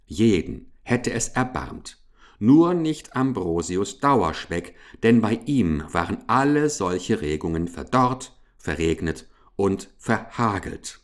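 A man's voice: on the low side, big pitch swings, slow. A man reading a funny animal story aloud for children.

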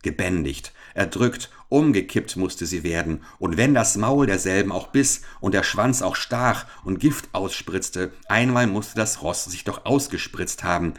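A man narrating an old adventure novel as an audiobook, with steady, dramatic storytelling. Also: low voice, a little slow, hardly any pauses.

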